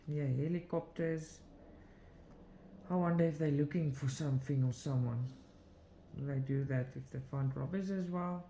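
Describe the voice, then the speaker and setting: Speaking at a moderate pace in a low, mellow voice, a woman from South Africa runs a cross-stitch channel from home. She stitches while chatting casually, wandering into asides with frequent laughter, in a room with noticeable echo and faint background noise.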